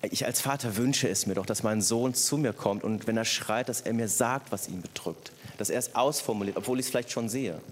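A man's voice: on the low side, fairly quick, few pauses. A man preaching a sermon, speaking emphatically and addressing the congregation directly with personal stories. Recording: echoey hall with faint noise.

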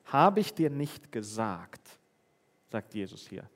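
Speaking slowly with big swings in his lowish pitch, this preacher reads from the Bible and keeps his sermon conversational, regularly asking the congregation questions.

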